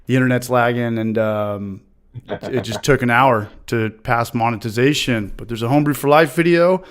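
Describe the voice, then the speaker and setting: An upbeat man hosts a casual live stream, chatting loosely and greeting viewers one after another. His voice comes through smooth and clear. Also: mid-range voice, moderate pace. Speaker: livestream host.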